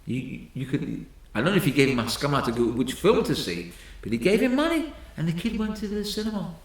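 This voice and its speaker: A male rabbi telling stories in a sermon, animated, often repeating words and using Hebrew terms. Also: a little high, fast talker. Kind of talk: storytelling sermon. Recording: very echoey room.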